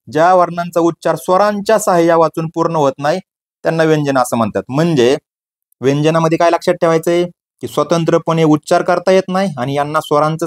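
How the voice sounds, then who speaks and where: A man leads an exam-prep grammar lesson, rapidly asking his students questions and then answering them himself while repeating key words. His voice is on the high side.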